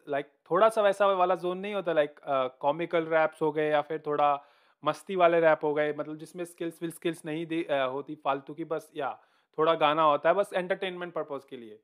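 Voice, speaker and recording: A man's voice: on the high side, clear, resonant tone. A man hosting a music reaction video, chatting casually, mixing Hindi and English, with hesitant fillers and calling the listener bro.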